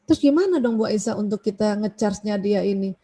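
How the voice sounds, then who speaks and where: Woman host asking questions, mellow. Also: mid-range voice, lively intonation, quick pace, husky. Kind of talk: interview questions.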